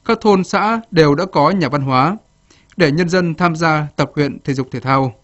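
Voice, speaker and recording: A male reporter reading a formal, scripted news report in a steady cadence, moving through lists of figures one by one. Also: a little high. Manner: steady formal read with measured list cadence. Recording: dull lo-fi broadcast audio.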